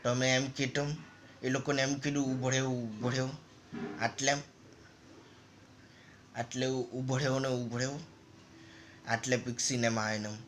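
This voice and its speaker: A man's voice: medium pitch, little pitch movement, moderate pace, long pauses, fairly bright tone, a little hiss or hum. A man casually narrating a story over a game, in loose, rambling and repetitive phrases. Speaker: gaming channel narrator.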